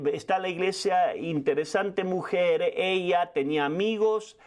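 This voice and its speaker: A man in his sixties telling a story in a sermon as a preacher, quick and full of restarts. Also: high-pitched. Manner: fast storytelling with frequent restarts. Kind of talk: sermon testimony.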